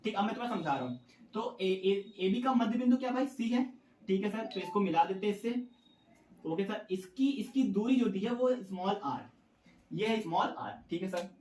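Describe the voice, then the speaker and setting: A man's voice: high-pitched, expressive, normal speed, a little mellow, distant mic. A young man teaching a physics derivation in a playful, dramatic way and cracking jokes as he goes. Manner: jokey, dramatic, switches into student voices. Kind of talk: playful classroom explanation. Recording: echoey room, away from the mic. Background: a dog barking.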